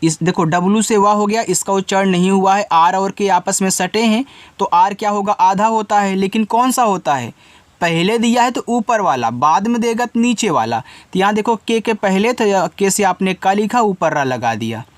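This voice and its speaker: A man giving an English lesson step by step, patiently repeating each word and its meaning and spelling letters out slowly. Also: high-pitched, lively intonation, no room sound. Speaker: English teacher.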